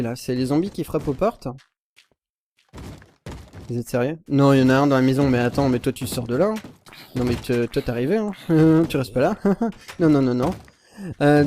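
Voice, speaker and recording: A young man commentates his own gameplay at a desktop mic. His voice sits in an ordinary middle register, and his talk is loose and rambling, full of self-corrections and quick yelps of panic. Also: mid-range voice, warm tone, slight background noise. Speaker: Minecraft YouTuber.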